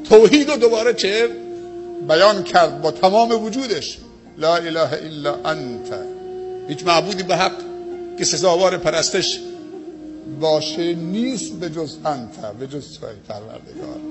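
A high-voiced man with an Afghan Dari accent preaches, telling a story in a sermon. His delivery swings between loud, stirring exclamations and hushed, low phrases. Music plays clearly underneath his voice.

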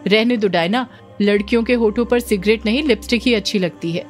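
A woman's voice: mid-range voice, a little fast, soft background music, close to an everyday voice. A woman doing Abhimanyu, a teasing young man. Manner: teasing, probing questions.

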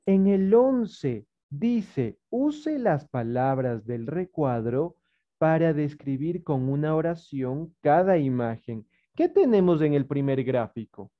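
Woman, Ecuadorian Spanish accent, primary teacher, patient, coaxing, unhurried, muffled video-call sound. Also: low voice, sing-song. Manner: patient, coaxing, uses diminutives. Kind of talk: online class over video call.

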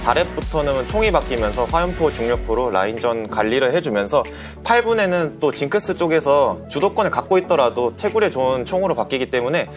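Fast, lively young male analyst. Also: medium pitch. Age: young adult. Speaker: esports desk analyst. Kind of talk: post-match analysis. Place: indoor broadcast studio. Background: music.

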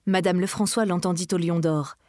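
A woman reads a classic novel aloud in a measured, dramatic way. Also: fairly low pitch, fairly even intonation, a little mellow, no room sound, studio quality. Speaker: reader. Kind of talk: literary reading.

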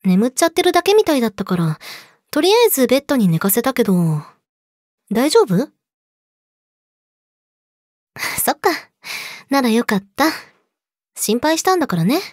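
A young woman playing a possessive yandere girlfriend, sweet but menacing, speaking softly and intimately to her lover in an audio drama. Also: on the high side, very animated, moderate pace, pauses often, dry recording, clean studio sound. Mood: calm, teasing menace. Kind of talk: Japanese situation voice audio drama, addressed to listener.

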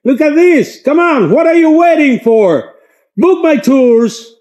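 An older man hosting a walking tour vlog outdoors on city streets, filmed with a handheld camera at arm's length, pitching his tours to viewers with enthusiasm. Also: expressive, slow, a little mellow. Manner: enthusiastic salesy asides to viewers. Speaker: tour guide.

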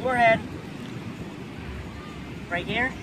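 A man's voice: extremely high pitch, drawn-out words. A teenage male host eating sour candy as he talks casually to the camera outdoors on a beach, picked up by a camera a few feet away. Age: teens. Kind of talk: casual challenge vlog to camera. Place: sandy beach dunes, outdoors. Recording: windy outdoor camera mic, loud background noise. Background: loud wind and ambience.

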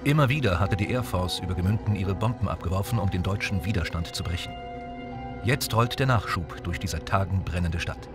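A man reading scripted documentary narration in a measured, even way. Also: deep voice, over loud music. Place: voice-over booth. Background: documentary score.

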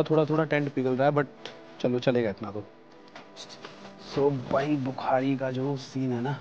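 A man chatting excitedly to camera from inside a small tent with a wood stove, slipping English words into his talk. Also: mid-range voice, highs cut off. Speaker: camping vlogger. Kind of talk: casual chat to camera.

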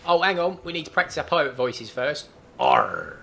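A man's voice: on the high side, quick pace, a bit bright. A man hosting a casual game stream, coaxing and playful as he guides a child. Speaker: gaming channel host. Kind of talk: casual let's-play chat with a child.

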